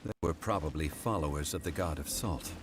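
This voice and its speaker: Zhongli, deep-voiced stoic scholar. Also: male voice, noisy background. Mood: grave. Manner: formal, measured. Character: stoic, learned, composed gentleman scholar. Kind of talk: video game voice acting. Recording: game audio with music underneath.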